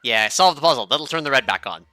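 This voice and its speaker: Bright-voiced guy playing a game, cussing and joking, reads the story out loud. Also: medium pitch, fast. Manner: excitable, profane, jokey, reads narration aloud. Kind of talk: casual game commentary and reading narration aloud.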